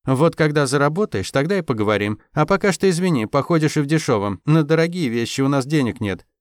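A man reading a story aloud, voicing a stern mother who scolds her teenage son in a sharp, sarcastic way. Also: fairly high pitch, lively intonation, quick pace, no echo, studio quality, pitched above the performer's own voice, natural voice. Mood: scolding.

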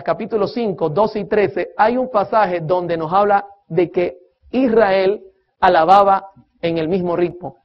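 A man preaching a sermon-style lecture on music, emphatic, asking his listeners questions and counting beats aloud. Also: high voice. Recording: dull lo-fi recording.

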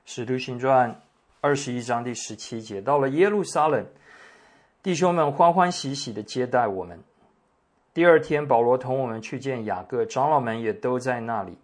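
A man preaching a sermon, reading scripture in a measured, deliberate way with pauses. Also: mid-range voice. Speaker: pastor. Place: church meeting room.

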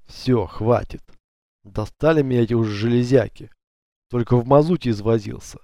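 A man's voice: mid-range voice, normal speed, mellow, no room sound, dull audio, close to an everyday voice. A man voicing Pasha, a cruel, callous bandit leader who gives curt orders in an audiobook. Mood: weary.

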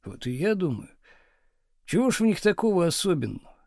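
A man reading an audiobook, voicing a meek, joking young husband who speaks softly and mildly. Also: high-pitched, sing-song, brisk, vocal fry, no room sound, clean studio sound, exaggerated voice. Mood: meek, wry. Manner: soft, mild, meek.

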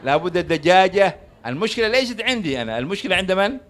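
A man's voice: high-pitched, big pitch swings, rapid-fire, fairly bright tone, slight background noise. A man voicing a fretful man who thinks he's a grain. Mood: fearful, insistent.

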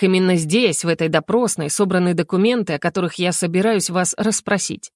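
Woman doing a stern cold inquisitor guy, slow and icy, audiobook read. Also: on the low side, no room sound, clean studio sound, close to an everyday voice. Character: stern cold male inquisitor, blond, interrogating. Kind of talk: audiobook character voice.

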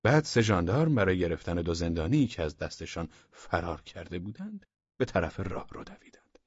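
Low husky guy reading an audiobook, warm and measured, dips into near-whispers, dry muffled recording. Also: very animated, dry recording. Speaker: audiobook narrator. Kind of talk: scripted audiobook narration.

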